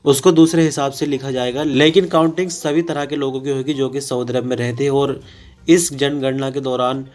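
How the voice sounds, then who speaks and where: A man presenting an online news bulletin as voice-over, reading his script in a steady, even way. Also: mid-range voice, moderate pace.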